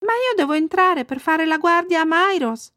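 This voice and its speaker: A woman voicing a small eager girl in a storybook reading, high and excited. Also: normal speed, dry recording, clean studio sound, full character voice.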